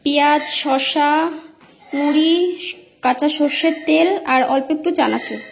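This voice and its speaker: Chatty high-voiced woman. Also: a little slow, vocal fry, slight background noise. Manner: chatty, storytelling, laughing often. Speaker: vlogger. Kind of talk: casual chat to viewers while cooking. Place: home kitchen.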